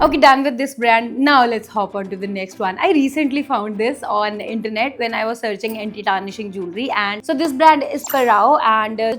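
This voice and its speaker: Gushing young woman with an Indian accent. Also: on the high side. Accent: Indian English. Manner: gushing, mixes Hindi and English. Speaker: vlogger. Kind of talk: casual haul video.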